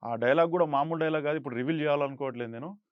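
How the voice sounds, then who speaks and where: A young actor tells stories from a film set and breaks into loud, acted-out quotes. His voice sits somewhat high, and the sound is dry and close. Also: racing, no echo, highs cut off. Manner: acts out quoted lines in raised voice. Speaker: actor guest. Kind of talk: animated storytelling interview.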